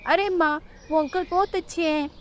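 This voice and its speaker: A woman voicing a sulky, demanding little girl bird in a cartoon, with a high childish whine. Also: fairly even intonation, normal speed, a little hiss or hum. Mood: pleading.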